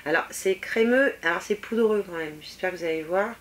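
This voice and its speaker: A woman's voice: fairly low pitch, brisk. A woman chatting casually through a makeup haul, with lots of fillers as she swatches products on her hand. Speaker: beauty vlogger.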